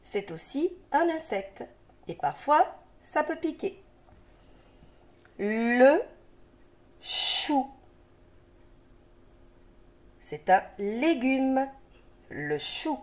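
A woman teacher leads a children's reading lesson at a very slow pace, stretching each syllable out. Her voice sits a little high and moves lively up and down as she encourages her young pupils. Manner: patient, encouraging, drawn-out syllables. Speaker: primary school teacher.

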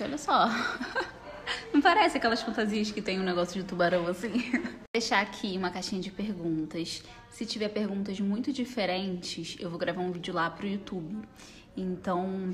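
Bubbly young woman youtuber. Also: medium pitch. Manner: bubbly, laughing easily. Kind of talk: casual phone stories.

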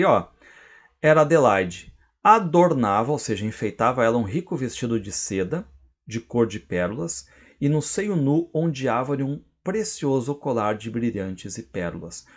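Husky Brazilian teacher reading a novel aloud. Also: male voice, medium pitch, unhurried. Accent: Brazilian Portuguese. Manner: lively, recounts scenes and reads quotes with emphasis. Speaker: literature teacher. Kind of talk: lecture with dramatic readings.

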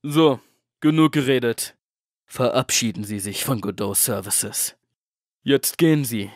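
A man voicing a cold, scheming middleman in a horror audiobook, clipped and commanding with a quiet menace. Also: mid-range voice, unhurried, no room sound, clean studio sound, close to an everyday voice. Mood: smug. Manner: clipped, commanding, coolly threatening. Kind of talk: audiobook drama acting.

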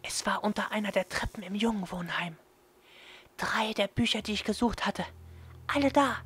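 A man voicing an excitable, secretive young female librarian in a breathy falsetto that often drops to conspiratorial whispers, for a visual novel game. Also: normal speed, heavily acted. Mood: excited, secretive.

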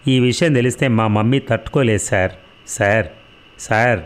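A man's voice: medium pitch, normal speed, natural voice. Brief: desperate young man begging to be believed, read by a man. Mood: pleading. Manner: pleading, desperate. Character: frightened young man under interrogation.

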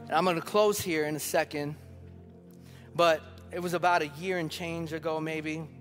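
A man's voice: a little high, fairly even intonation, moderate pace, a bit bright, in a large hall, soft background music. A man in his thirties preaching a sermon, emphatic and building with repeated phrases, telling a story from his own family life. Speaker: pastor. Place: church sanctuary.

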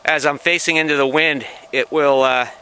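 A man's voice: fairly high pitch, steady tone, normal speed, bright, forceful tone. A man talking through a face mask outdoors on a windy frozen lake, narrating casually into a handheld camera, rambling and restarting as he explains. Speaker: outdoors vlogger. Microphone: handheld camera mic.

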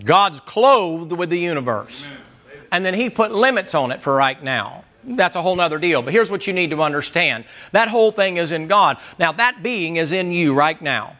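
A man's voice: a little high, animated, moderate pace, bright, forceful tone. A man preaching a Sunday school sermon in a folksy, joking and emphatic way.

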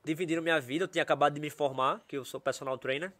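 A man's voice: fairly high pitch, rapid-fire. A young man, telling a funny story as a podcast guest and acting out the voices in it. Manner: animated, acts out quoted voices, laughs while telling. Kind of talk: casual storytelling.

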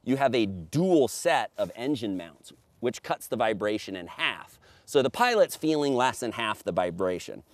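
Lively, emphatic middle-aged salesman. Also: mid-range voice, moderate pace, no echo. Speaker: paramotor dealer. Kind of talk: product walkthrough. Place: outdoors on a grassy field.

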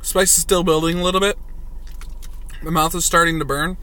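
A man's voice: on the high side, little pitch movement, a little fast, bright, forceful tone. A man hosting a casual food vlog from his car, chewing while he talks through a snack's flavor and heat. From northern United States. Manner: plain, matter-of-fact tasting remarks. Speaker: food vlogger host. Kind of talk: casual taste-test vlog. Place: parked car.

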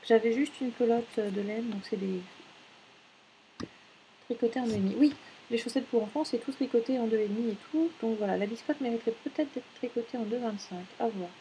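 Chatty woman, mellow voice, rambling. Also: on the high side, fairly quick, slight background noise, rough recording. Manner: rambling, chatty, many fillers and self-corrections. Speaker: knitting vlogger. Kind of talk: casual chat. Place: home.

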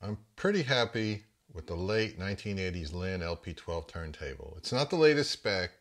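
A man in his fifties with a fairly low voice hosts a review channel. Like a narrator, he presents scripted product commentary to his viewers.

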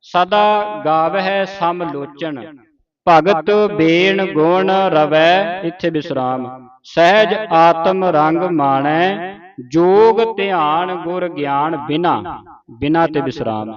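A man teaching scripture recitation, reading each phrase slowly and correcting how words are pronounced. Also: a little high, music in the background. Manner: slow, syllable-by-syllable recitation with pronunciation corrections. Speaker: gurbani teacher. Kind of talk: santhya recitation lesson. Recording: dull audio with a group repeating. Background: a group of students repeating the words.

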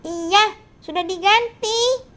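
A woman's voice: extremely high pitch, slow pace, fairly bright tone, exaggerated voice. A woman voicing a strict, scolding male schoolteacher in a game role-play. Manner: scolding, bossy.

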